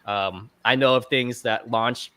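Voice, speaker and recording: A man with a steady, fairly bright mid-range voice talks at an unhurried pace as a guest on a livestream interview. He's a fish channel videographer describing his filming work casually, with lots of fillers and self-deprecating jokes, in a dry recording from a video call mic.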